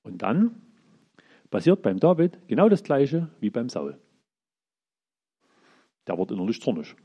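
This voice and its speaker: Animated preacher, mellow husky voice. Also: male voice, medium pitch, unhurried, dull audio. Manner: lively, acts out the characters' lines in everyday speech. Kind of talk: informal sermon retelling Bible stories.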